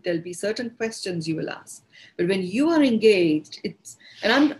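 A woman with an Indian accent hosting a podcast, talking through ideas in an unhurried, reflective way and often restarting words as she finds her phrasing. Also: mid-range voice, darkish tone, low-quality recording. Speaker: podcast host and speaker on personal growth. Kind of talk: reflective spoken teaching.

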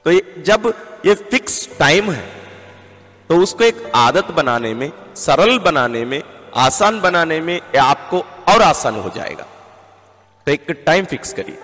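A man's voice: a little high, a bit bright. A man, a priest, giving an earnest sermon-style talk that counts out its points. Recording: long hall reverb with faint music.

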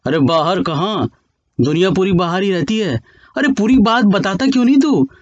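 A man voicing a stern, impatient father who questions gruffly. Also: high-pitched, moderate pace, dry recording, highs cut off, close to an everyday voice. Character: stern exasperated father, demanding answers.

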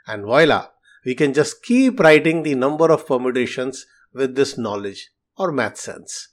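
A man hosting a podcast, explaining math in a calm, methodical, teacherly way. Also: mid-range voice, normal speed.

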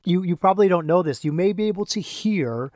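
A podcast host and men's coach runs a casual solo show, rambling and repeating himself. His speech is slightly slurred and soft on lip consonants, as if numb from the dentist, with one side of his mouth paralyzed. His voice sits high and animated, a little fast, in clean studio sound with no echo.

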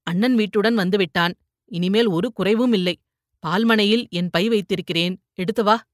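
A woman voicing a frail old uncle who is gentle and forgiving, in an audiobook reading. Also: mid-range voice, normal speed, dry recording, studio quality, lightly acted. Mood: calm. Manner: gentle, consoling.

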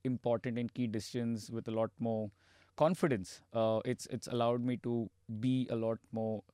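Indian guy on a podcast explaining stuff casually, bit halting, mid pitch, really dry audio. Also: steady tone, mellow, clear, resonant tone, no room sound.

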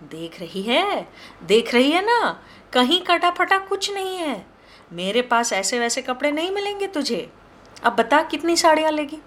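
A woman voicing a bossy, scolding middle-aged mistress of a house, sharp and haggling. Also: high-pitched, big pitch swings, normal speed, voice pushed up. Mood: pleased.

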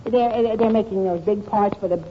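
An actor playing a nervous, bumbling husband who stammers through excuses, in 1940s radio acting. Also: male voice, high-pitched, fairly even intonation, fairly quick, close to an everyday voice. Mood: flustered. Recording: muffled old radio recording with hiss.

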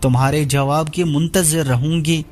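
A man's voice: a little high, steady tone, moderate pace, darkish tone, faint music behind, natural voice. A man voicing a scheming young woman villain who talks in a sneering, taunting way. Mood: smug scheming.

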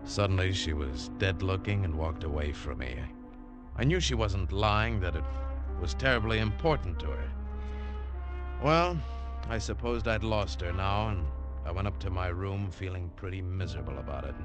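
A male actor with a deep voice and lively intonation plays a tough adventurer who narrates his own story wryly and tersely, as narrator and lead of a 1950s radio drama. He speaks at a moderate pace, and the old radio broadcast has music underneath.

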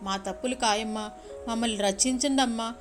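A woman's voice: a little high, fairly even intonation, a little fast, faint music behind, lightly acted. Woman voicing an older farmer pleading humbly. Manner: begging, deferential.

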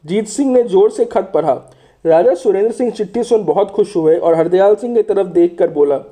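Guy reading out a story, pretty high voice, mellow and soft-edged. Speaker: audiobook narrator and host. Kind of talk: scripted story narration.

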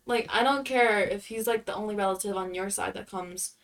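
Podcast co-host, woman, mid-pitched voice, blunt and salty, reads stories out. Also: fairly quick. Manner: blunt, swears often; reads listener stories aloud. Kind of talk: casual chat.

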